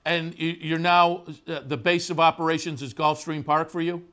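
Chatty racing show host, fairly high voice. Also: male voice, fairly even intonation, moderate pace, bright, forceful tone. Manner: conversational, filler-heavy. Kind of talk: broadcast interview. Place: studio in the Saratoga area.

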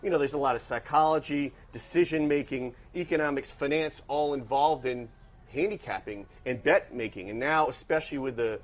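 Speaking fairly quickly at a medium pitch, this guest is a professor in his fifties who grew up in Washington, D.C. He walks through his background analytically and thoughtfully in a relaxed interview, often starting his sentences over.

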